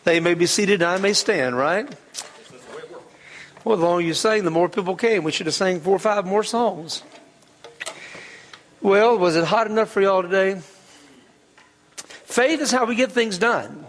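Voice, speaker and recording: A male pastor with a drawl delivers a sermon in a noticeably high voice. He tells homespun stories and slows right down to lean on the words that matter. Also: long reverb tail, a little hiss or hum. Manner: folksy storytelling, slows for emphasis.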